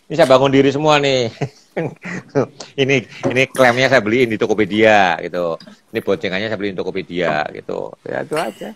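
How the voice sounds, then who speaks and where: An older man from Indonesia chatting casually, telling lively stories and often laughing. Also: fairly low pitch, fairly quick, creaky, slight background noise. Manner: animated storyteller, laughs often, acts out quoted voices. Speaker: photographer and guest. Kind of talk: casual storytelling chat.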